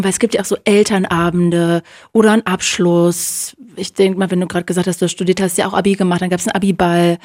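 A woman's voice: lowish voice, a little mellow, no room sound, clean studio sound. A woman interviewer who asks probing questions in an empathetic way. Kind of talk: podcast interview.

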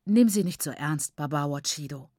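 A woman reading aloud voices a gentle middle-aged mother who speaks calmly and soothingly. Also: low-pitched, normal speed, no room sound, studio quality, voice pushed down. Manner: calm, soothing.

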